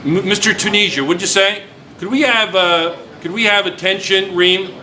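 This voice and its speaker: A physics teacher leads a class in a chatty, teasing way, echoing his students' answers back at them. His voice sits high and sounds sharp, and he talks at a normal speed. The classroom recording is noisy.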